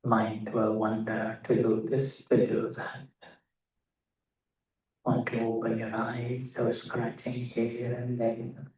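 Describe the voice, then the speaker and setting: This meditation guide is a man with a medium-pitched, somewhat mellow, monotone voice, recorded by a distant mic in an echoey room. He instructs step by step as a teacher might, slowly and measuredly, with pauses between short phrases.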